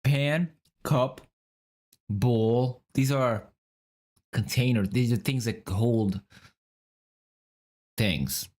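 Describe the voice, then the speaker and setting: A man's voice: medium pitch, extremely slow, long pauses, darkish tone. A young man streaming, casually thinking aloud through a word puzzle, muttering guesses, swearing now and then and asking his chat whether he's right.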